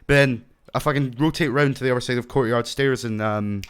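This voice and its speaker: Excitable, laughing gamer man. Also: medium pitch, fairly quick, smooth. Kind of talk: casual gaming chat.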